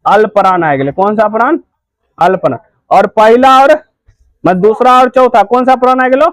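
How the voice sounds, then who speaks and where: A man's voice: high voice, moderate pace, no room sound, rough recording. A man teaching a grammar class, repeating each question and answering it himself.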